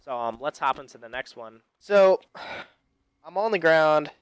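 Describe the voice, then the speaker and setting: A man's voice: a little high, animated, unhurried, smooth, no room sound. A man telling a rambling personal story in casual chat over live gameplay commentary, full of fillers and restarts. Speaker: gaming commentator.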